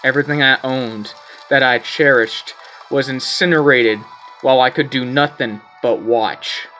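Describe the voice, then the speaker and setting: A man's voice: mid-range voice, fairly even intonation, unhurried, sharp tone, soft background music. A man playing a story game, reading its text aloud in a casual way, often repeating words, and chatting between the lines. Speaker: gameplay streamer.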